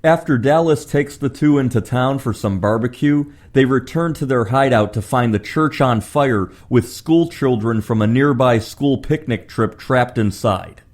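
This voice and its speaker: A man's voice: medium pitch, unhurried, few pauses. A man narrates a film review from a script. His voice sits in the middle of the male range as he lays out the story in summary.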